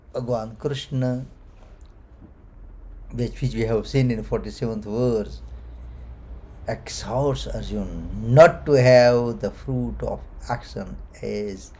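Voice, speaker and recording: A man's voice: mid-range voice, fairly even intonation, slow pace, pauses often. A man teaching a scripture class in a temple hall, explaining verses and chuckling often as he talks. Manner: chuckles often while explaining, with gentle emphasis.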